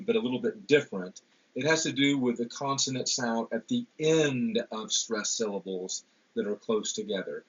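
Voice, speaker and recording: A man giving a classroom literature lecture, pausing often with ums and repeated words. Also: medium pitch, husky. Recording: dull lo-fi lecture recording.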